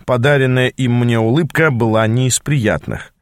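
A male narrator reads the story in a measured, even manner. His voice sits at a middling pitch. The recording is dry and close, with no room sound. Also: no room sound. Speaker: audiobook narrator. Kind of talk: scripted audiobook narration.

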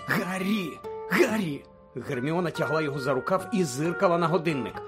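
A man reading an audiobook aloud in a lively, expressive narration. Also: a little high, fast, over music. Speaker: audiobook reader.

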